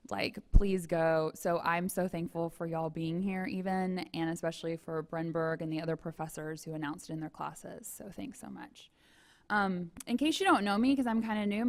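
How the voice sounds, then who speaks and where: A woman running a college career office, moderating a panel in a chatty, self-deprecating way. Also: lowish voice.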